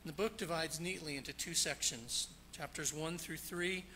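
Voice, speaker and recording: Man, preacher, sermon, very bright voice, faint room noise. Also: on the high side, moderate pace, rough recording. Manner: jokey, storytelling, then explanatory. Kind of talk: sermon with jokes. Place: church sanctuary.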